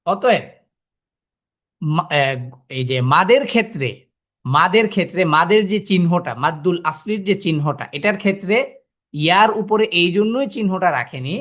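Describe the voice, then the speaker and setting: A man with a high, somewhat bright voice teaches a Quran reading class as a classroom lesson. He explains things step by step, sounds out letters to demonstrate, and poses rhetorical questions to his listeners.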